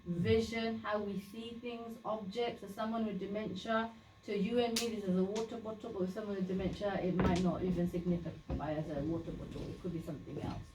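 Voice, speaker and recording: Talking fairly quickly in a medium-pitched, steady voice, a woman from Bangladesh, Sylheti being her first language, speaks informally to a community group. She explains things simply, full of fillers and restarts. The meeting room sounds echoey, she is picked up from a distance, and there's background noise.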